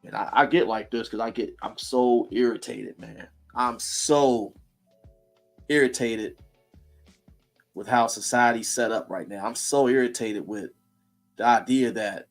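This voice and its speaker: A man's voice: mid-range voice, normal speed, soft background music. A man hosting a casual streamed talk, blunt and preachy, in heated street slang. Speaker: host.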